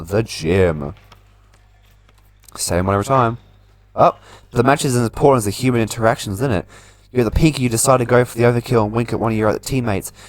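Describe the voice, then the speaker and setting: Here a gaming host with a lowish voice reads a game's story text and adds casual remarks of his own. His voice is dry, and game music plays faintly underneath.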